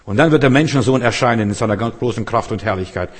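Husky preacher guy, fervent sermon, loud then quiet, keeps asking the listener stuff. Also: fast talker. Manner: fervent, swings between loud outbursts and low murmurs; addresses listener directly with questions.

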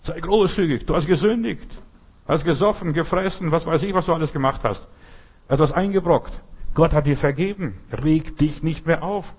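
Husky-voiced man preaching a sermon. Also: on the high side, moderate pace. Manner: emphatic, addresses listener directly, rhetorical questions.

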